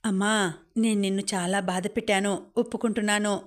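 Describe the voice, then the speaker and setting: A woman reading a gentle, loving daughter. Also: mid-range voice, steady tone, a little fast, lightly acted. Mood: pleading, tender. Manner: soft, pleading and affectionate. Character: gentle devoted young adult daughter.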